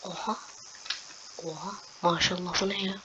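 A young woman giving casual commentary on her gameplay, excitable and talking to the game, repeating words as she plays. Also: on the low side, moderate pace, lo-fi sound, a crowd in the background. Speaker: gameplay streamer.

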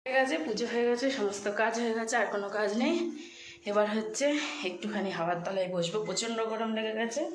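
Filming on her phone in her home kitchen, a young woman narrates her cooking and housework in a relaxed, chatty vlog, speaking directly to viewers and tossing in quick asides. Her voice is a little high with fairly even intonation, and there is slight background noise.

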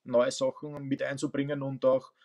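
A man in his forties with an Austrian accent, a coach and teacher, speaks thoughtfully on a webcam video call from a room with bookshelves at home. His voice is medium-pitched and darkish, with flat delivery at a moderate pace, and he uses many fillers and restarts.

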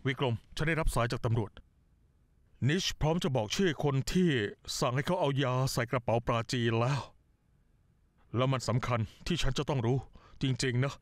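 A man dubbing a busy young music producer who talks in a brisk, hurried way. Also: mid-range voice, no room sound, lightly acted. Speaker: voice actor in a Thai dub of a drama. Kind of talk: dubbed TV drama acting.

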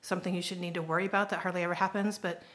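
Racing along in a lowish, fairly bright voice with little pitch movement, a middle-aged woman gives a casual home renovation update. She's a homestead vlogger in her half-renovated kitchen, pointing things out and saying um a lot. She records on a phone held at arm's length.

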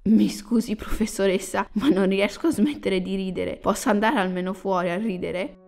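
A woman's voice: mid-range voice, normal speed, creaky, darkish tone, close to an everyday voice. A woman voicing a cheerful, kind-hearted schoolboy who is polite and playful, in an Italian film dub.

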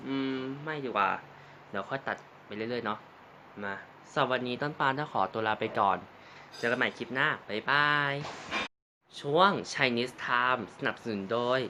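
Bright-voiced young man teaching words. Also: medium pitch, slight background noise. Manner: repeats each word twice, loudly. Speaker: language teacher vlogger. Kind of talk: casual vocabulary lesson.

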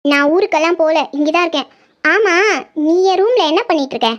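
A woman's voice: very high-pitched, brisk. A woman voicing a stern young woman in a cartoon who scolds a girl for entering her room without asking. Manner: scolding, demanding respect. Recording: slightly dull lo-fi audio.

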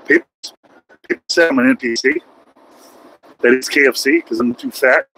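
His mid-range, slightly bright voice swings hugely in pitch as he goes at a moderate pace, a man in his forties with an American accent vlogging from his truck cab at night. He rambles and pokes fun at himself over faint road and engine noise in a low-quality recording.

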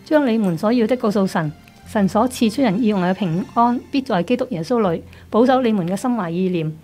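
Seated at a studio desk microphone in a small padded radio studio, a woman with a Hong Kong Cantonese accent gives a conversational testimony as a guest, with music in the background. Her voice is medium-pitched, a little mellow, and slightly fast.

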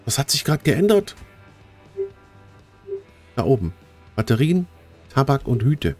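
Lively, mellow-voiced German let's play guy. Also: medium pitch, a little slow, husky, soft background music. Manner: chatty, talks to viewers, easily excited. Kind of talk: casual gameplay commentary.

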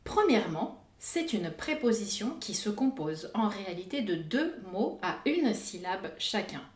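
Woman teaching pronunciation, lively up-and-down voice, sounds out words slowly and carefully. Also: mid-range voice, reverberant. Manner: slow, careful over-articulation of example words. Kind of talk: explanatory lesson.

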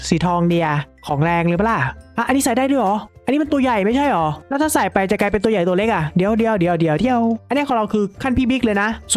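A young man giving casual, excitable commentary as he plays a video game, exclaiming and joking as he goes. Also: sits high. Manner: excitable, exclaims and jokes while playing. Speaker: gaming video creator.

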